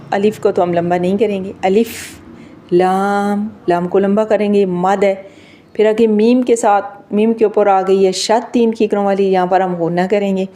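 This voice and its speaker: A woman teaching a Quran recitation lesson, patiently explaining each sound and slowly drawing out the words as she demonstrates them. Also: mid-range voice, mellow, a little hiss or hum.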